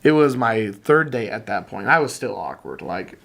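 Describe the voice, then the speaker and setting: A teenage boy co-hosting a student podcast in casual chat, rambling and jokey, with sudden jumps in pitch. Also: big pitch swings, moderate pace, gravelly, fairly bright tone. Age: late teens.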